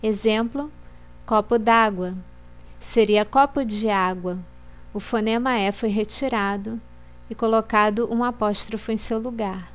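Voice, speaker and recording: A woman reading a scripted Portuguese lesson on accent marks in a slow, measured, list-like way. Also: medium pitch, fairly even intonation, clean tone. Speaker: Portuguese teacher.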